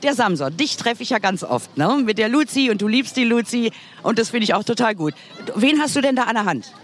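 A woman's voice: fairly high pitch, lively intonation, brisk, a faint crowd. A woman hosting a casual street reportage, chatty and rambling with a playful way of talking. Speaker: podcast reporter and host. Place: outdoor urban public square.

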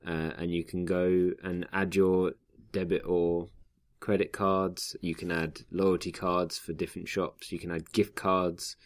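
A man with a very low, deep voice, hosting a casual tech podcast. He explains things in long, loose runs and now and then acts out what others said. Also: little pitch movement, unhurried, few pauses. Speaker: podcast host.

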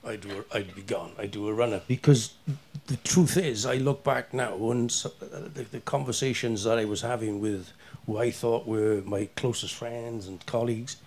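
A middle-aged man with a South Wales Valleys accent, chatting candidly in anecdotes, animated and emphatic, often repeating words to drive a point home. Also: medium pitch, normal speed, a little hiss or hum.

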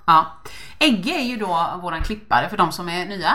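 A woman co-hosting a podcast in casual chat, telling stories animatedly and acting out quotes. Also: on the low side. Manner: animated storytelling, acts out quotes. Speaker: podcast co-host.

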